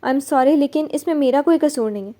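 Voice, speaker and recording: A woman's voice: high-pitched, brisk, warm tone, natural voice. A woman voicing a bold, stubborn young man in love, teasing and sure of himself, as she reads a novel aloud. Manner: playful and stubborn. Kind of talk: novel reading.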